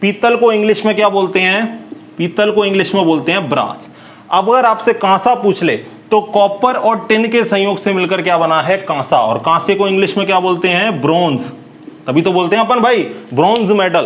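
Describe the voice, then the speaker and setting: A brisk male chemistry teacher with a fairly high voice rattles through a lecture. He keeps asking his students short questions and answers them himself, coaxing and chatty. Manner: calls listeners "bhai", brisk and chatty. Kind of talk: classroom lecture.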